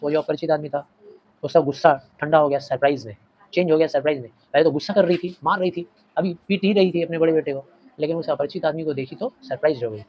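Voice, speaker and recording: A man's voice: a little high, fairly even intonation, lo-fi sound, slight background noise. Middle-aged male teacher explaining a story. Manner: explains slowly, glossing words and mixing languages.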